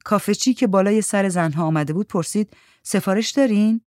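A woman narrating a literary short story in a steady, measured reading voice. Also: mid-range voice, no echo, clean studio sound.

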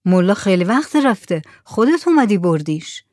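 A woman's voice: medium pitch, very animated, dry recording, clean studio sound, close to an everyday voice. Zakaria, a village man, read by a woman. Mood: plain. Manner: shouting back toward the sea. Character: village man Zakaria, brother of the absent mulla.

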